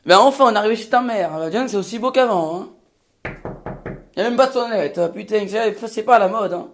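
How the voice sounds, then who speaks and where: A man's voice: high voice, a little fast. A man performing a comedy sketch as a grumpy, crude boyfriend who swears constantly.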